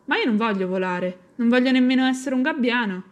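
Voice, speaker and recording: A woman voicing a timid, stubborn young female seagull in a shrill, pleading voice. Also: animated, a little fast, natural voice.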